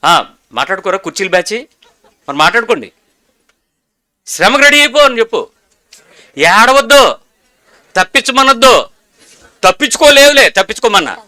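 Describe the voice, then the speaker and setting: A man's voice: high voice, big pitch swings, normal speed, pauses often, bright, forceful tone. A man preaching a sermon as pastor, emphatic and urging his congregation to repeat after him.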